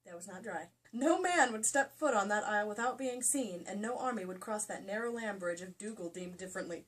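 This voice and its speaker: A woman co-host gives a comedic dramatic reading of a romance novel, joking and often breaking off into casual asides. Her mid-range voice is brisk, and the low-quality amateur home video carries faint background noise.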